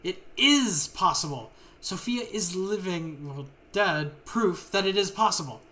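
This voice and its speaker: A man voicing a cold, condescending woman scientist who experiments on people, speaking slowly and deliberately. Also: high voice. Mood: stern. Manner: calm, condescending, slow and deliberate.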